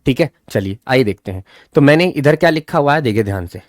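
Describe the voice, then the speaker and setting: A man teaching English grammar in a live online class, talking fast, then slowing right down to spell out English example sentences. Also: mid-range voice, lively intonation, no echo, clean studio sound.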